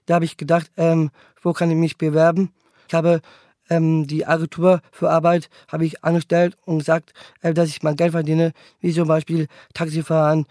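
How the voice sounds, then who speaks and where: Young adult man, aspiring actor; high, flat delivery, earnest and stumbling, dry recording. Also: no echo. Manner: halting, earnest, many restarts. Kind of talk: casual monologue to camera.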